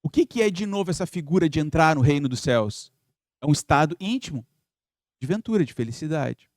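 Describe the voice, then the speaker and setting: A man delivers an earnest spiritist lecture, voice pitched a little high. He keeps posing rhetorical questions, thoughtful and steady. The sound is dry and close, with little room around it. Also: a little fast, no room sound. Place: spiritist center lecture hall.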